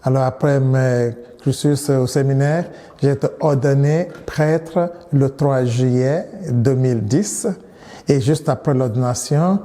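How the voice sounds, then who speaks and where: Dark-voiced Nigerian-born priest in a hall. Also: male voice, medium pitch. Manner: measured, with frequent restarts and repeated words. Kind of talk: interview answers.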